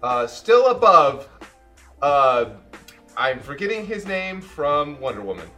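A man's voice: fairly high pitch, sing-song, slow, pushed and bright, faint music behind. A man co-hosting a podcast in casual chat, opinionated and emphatic, often restarting his sentences. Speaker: podcast co-host.

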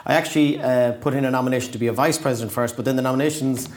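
A man's voice: medium pitch, fairly even intonation, racing, darkish tone. A man in his forties with a west of Ireland accent, chatting casually and self-deprecatingly as an interview guest. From County Galway, Ireland. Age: 40s. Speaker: podcast guest.

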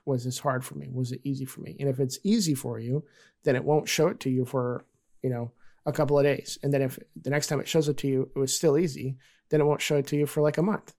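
A man's voice: medium pitch, a little mellow. A man hosting a podcast, explaining things in a casual conversational way. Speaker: podcast host.

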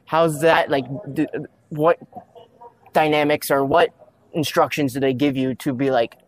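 A man's voice: on the high side, steady tone, unhurried, no room sound. Rambling, casual man hosting an interview. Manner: rambling, jumps between topics, many restarts. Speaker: podcast host, interviewer. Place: gaming convention.

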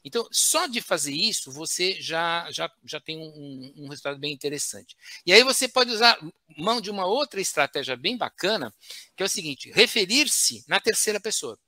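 A man's voice: a little high, lively intonation, moderate pace, sharp tone, no room sound. A man, a guest expert explaining how to handle emotions in a chat show, teaching step by step with frequent tag questions. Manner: didactic, with frequent "né?" tags and restarts.

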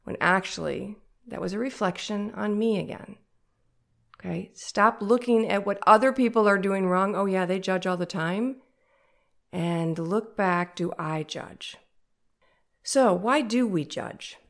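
A woman's voice: mid-range voice, unhurried, gravelly. A woman with a nasal voice talking conversationally as a podcast host, speaking directly and encouragingly to her listeners about faith.

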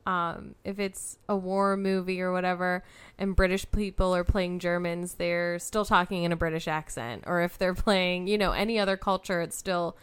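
A woman's voice: lowish voice, steady tone, moderate pace, hardly any pauses, smooth. A woman co-hosting a podcast, talking casually about a film and searching aloud for the right word. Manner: searches for words with fillers. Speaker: podcast co-host.

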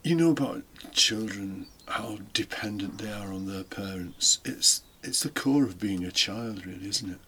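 A British deacon who hosts a homily podcast gives an informal, reflective homily, partly scripted, explaining things with conversational asides. His voice sits on the low side and sounds husky and sharp, moving at a normal speed with few pauses. Faint background noise is audible.

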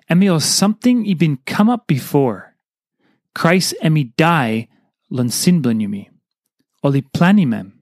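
A man's voice: a little high, darkish tone, no room sound. Man reading a devotional, very dry sound. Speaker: devotional reader. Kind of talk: scripted devotional reading in Tok Pisin.

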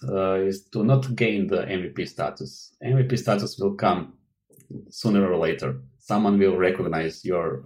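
Man, very deep voice, halting, lots of fillers, interview guest. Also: darkish tone, poor audio. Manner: halting, many fillers and restarts, non-native grammar. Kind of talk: interview answers.

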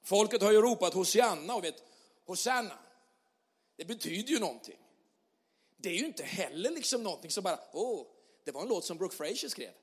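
A man preaching a lively sermon as pastor, moving from loud shouts down to soft, quiet lines. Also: sits high, long pauses, slightly rough. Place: church hall. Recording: long hall reverb.

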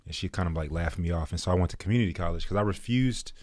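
Deep-voiced Texan guy, early thirties, easygoing and slangy, dry close mic. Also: very fast, darkish tone, no room sound. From Texas. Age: 30s. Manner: laid-back, slangy, laughs often. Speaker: guest. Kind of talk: casual chat.

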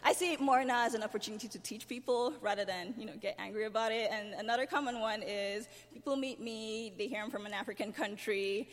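A woman with a Nigerian accent telling her story of moving countries during a church service, lively and laughing often. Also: a little high, fast talker, few pauses. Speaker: church member interviewed in a sermon. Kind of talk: personal testimony in a church service. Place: church sanctuary. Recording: church hall reverb.

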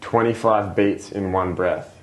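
A man's voice: deep voice, fairly even intonation, measured pace. A man, a breathwork coach, explaining things patiently as a podcast guest, with lots of fillers and "right?" checks. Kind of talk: casual explanatory interview talk.

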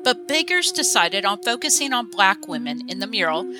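A woman giving scripted documentary narration in a measured, even manner. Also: a little high, low-quality recording. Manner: measured, reads quotes aloud. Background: music.

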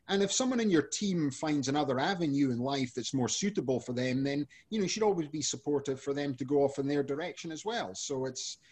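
A man's voice: mid-range voice, a little mellow, slightly rough. A man from Scotland, a guest on a podcast, answering questions in a loose, chatty way with lots of fillers. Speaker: podcast guest, energy company CEO. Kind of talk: casual interview answers.

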